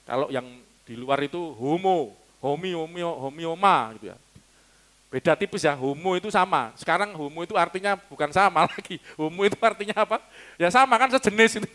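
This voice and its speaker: A man's voice: high-pitched, a bit bright. A man preaching a sermon to his congregation, teaching casually, quizzing listeners and laughing now and then. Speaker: pastor. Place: church hall.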